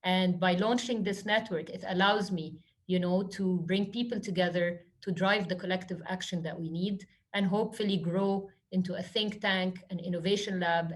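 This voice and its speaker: An Egyptian social entrepreneur answers webinar questions as a guest speaker, speaking earnestly and fluidly and often saying "you know." Her voice is on the low side and steady, at normal speed with few pauses.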